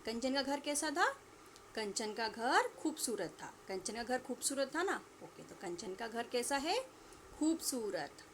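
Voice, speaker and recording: Slow, patient woman teaching children. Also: on the high side, fairly bright tone, slight background noise. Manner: slow, drawn-out repetition for pupils to echo; asks questions and answers them herself. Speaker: school teacher. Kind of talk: online Hindi lesson for young children.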